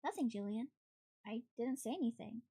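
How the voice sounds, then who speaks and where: A woman voicing a tired, unsettlingly calm girlfriend in a spooky story, gentle and hushing. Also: on the high side, moderate pace, creaky, breathy edge, full character voice. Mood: calm, coaxing. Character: eerily soothing girlfriend in a horror story, tired.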